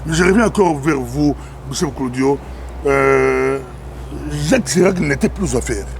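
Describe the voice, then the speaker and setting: A man's voice: mid-range voice, a little slow, creaky, slight background noise. A man hosting an interview as a pastor, talking hesitantly with many restarts.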